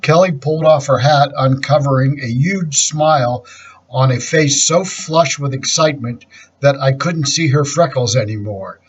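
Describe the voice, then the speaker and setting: A man reading a children's story aloud in a steady, plain manner, narrating in the first person. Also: mid-range voice, moderate pace, slightly rough. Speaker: storybook reader. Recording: dull lo-fi recording.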